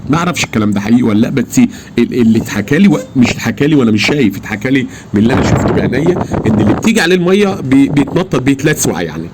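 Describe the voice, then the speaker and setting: A man with an Egyptian Arabic accent, telling an eyewitness story in an animated, emphatic way. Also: medium pitch, very fast, background noise. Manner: animated, emphatic, acts out his own shouts. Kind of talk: casual personal storytelling.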